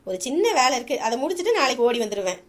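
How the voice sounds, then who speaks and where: A caring, fussy grandmother past sixty from a village comedy skit, played by a woman. She talks high and quick, coaxing and soothing over and over. It has the plain sound of a home-made sketch. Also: sing-song, slight background noise. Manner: soothing, coaxing, repeats sarikka. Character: elderly village grandmother, fussing and tender.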